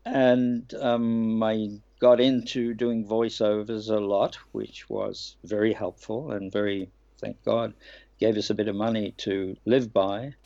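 Older man, gravelly, mid pitch, rambling anecdotes, muffled lo-fi sound. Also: flat delivery, slow, warm tone. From Australia. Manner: chatty storyteller with frequent ums and restarts. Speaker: guest voice actor. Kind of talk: relaxed anecdotal interview talk.

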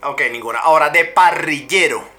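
A man's voice: fairly high pitch, moderate pace, sharp tone, faint music behind. A man with a Venezuelan accent in casual chat, teasing and joking with his friend. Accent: Venezuelan Spanish. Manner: teasing, jokes and chimes in.

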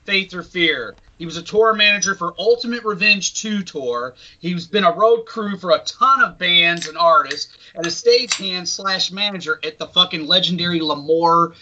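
A man's voice: high-pitched, normal speed, few pauses, bright, forceful tone, a little hiss or hum. A man co-hosting a casual podcast, talking emphatically with frequent swearing. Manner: profane, emphatic. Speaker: podcast co-host. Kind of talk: casual chat. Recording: dull lo-fi audio.

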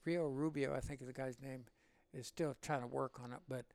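A man in his seventies from Illinois, a veteran telling a war story in an interview, rambling and animated. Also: mid-range voice, brisk, gravelly, no echo. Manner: rambling and animated, with laughs and acted-out quotes. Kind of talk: oral-history storytelling.

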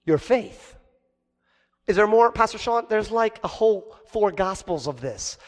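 High-voiced male pastor preaching. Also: a little slow. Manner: preaching with rhetorical questions to the congregation; animated storytelling. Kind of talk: sermon. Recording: long hall reverb.

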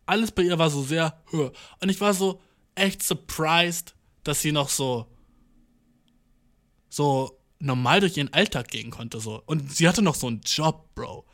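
A young man with a slightly higher voice than most men tells a rambling everyday story. His talk is loose and slangy, full of swearing and English words dropped into his sentences. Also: lively intonation, normal speed, fairly bright tone. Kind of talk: casual storytelling monologue.

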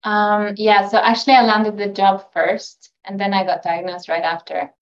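A woman's voice: mid-range voice, flat delivery, moderate pace. A woman in her forties from Norway, a chatty, friendly podcast guest. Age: 40s. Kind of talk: casual podcast interview. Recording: dull lo-fi sound.

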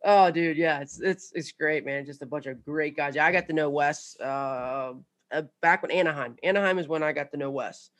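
A man's voice: a little high, normal speed, a bit bright. A man hosting a casual interview, friendly and laid-back, dropping "man" and "dude" often. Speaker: podcast host.

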